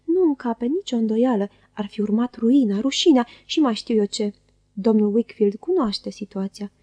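A cringing, falsely humble young clerk who fawns and flatters in a soft, oily voice, read by a woman. The tone sits a touch high and mellow, recorded close and dry for an audiobook. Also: husky, no room sound. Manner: oily, unctuous, soft-spoken.

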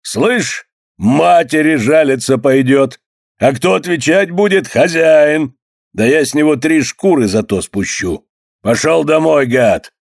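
Brief: male reader voicing a brutal barge owner, slow and menacing, dry close sound. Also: fairly low pitch, no echo. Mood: contemptuous. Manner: coarse, threatening, loud. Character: rough bullying barge owner, middle-aged man.

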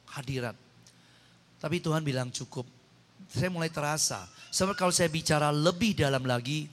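A man preaching a sermon, telling stories animatedly with sudden high-pitched exclamations into a handheld microphone. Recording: long hall reverb.

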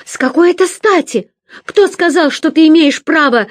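Ren, a woman doing a shrill frantic young girl. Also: normal speed, no echo, clean studio sound, lightly acted. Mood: indignant. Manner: pleading, indignant, high-pitched cries. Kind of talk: audiobook character voice.

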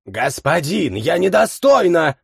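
A vicious lizard woman hisses in a high, shrill voice, performed by a male narrator. She groveling one moment and snarling the next in this fantasy audiobook. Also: very animated, takes it slowly, gravelly, slightly rough, no echo, studio quality, full character voice. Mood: pleading. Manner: hissing, shrill outbursts. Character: hot-tempered scaly lizard woman, servile and vicious.

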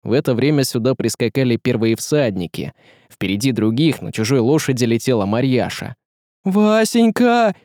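A man reading an audiobook with lively, dramatic storytelling. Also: mid-range voice, a little fast, dry recording, clean studio sound. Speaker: audiobook narrator. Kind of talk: scripted audiobook narration.

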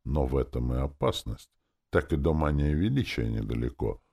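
A man's voice: very deep voice, lively intonation, normal speed, creaky, warm tone, breathy edge. A man narrating a story in the first person in a wry, sardonic way. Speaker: audiobook narrator.

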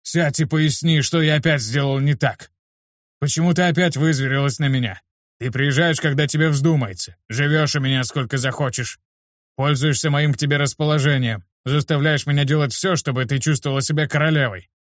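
A man voicing a gruff, irritable adult teacher who barks bluntly and coarsely, in a dull, dry recording. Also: on the high side, brisk, no echo, pitched above the performer's own voice, lightly acted. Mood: irritated.

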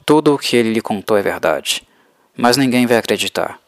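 A man voicing a pale, ageless male vampire who speaks slowly and softly with quiet mockery. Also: mid-range voice, animated, no room sound, lightly acted. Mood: cold, mocking. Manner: slow, soft, mocking.

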